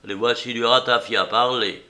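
A man's voice: mid-range voice, fairly even intonation, moderate pace. A man doing a hot-tempered young painter. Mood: exasperated. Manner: exasperated, loud, pressing.

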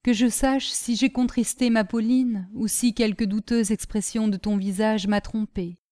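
Woman reading a letter aloud with grave, measured feeling. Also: fairly even intonation, mellow, no echo, clean studio sound. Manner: measured, grave and deeply felt delivery. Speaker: reader. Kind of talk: audiobook reading of a literary letter.

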